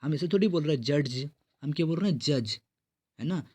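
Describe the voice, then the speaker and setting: A man with a fairly high, mellow voice teaches an exam-prep grammar lesson, explaining step by step and posing questions he then answers himself. He reads English quiz sentences slowly and clearly.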